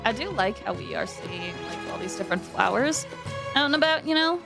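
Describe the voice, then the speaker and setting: A woman streams a video game with chatty, playful live commentary, reading the game text aloud as she goes. Her mid-range voice is sing-song, a little fast and creaky, and game music plays behind her on a low-quality recording.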